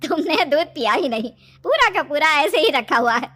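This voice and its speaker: A woman voicing a caring middle-aged mother in an animated horror story, soothing and gently scolding her daughter. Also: high-pitched, normal speed, heavily acted.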